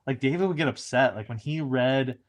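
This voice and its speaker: A man's voice: medium pitch, brisk. A man, a showrunner, chatting casually in an interview, rambling with frequent restarts and fillers.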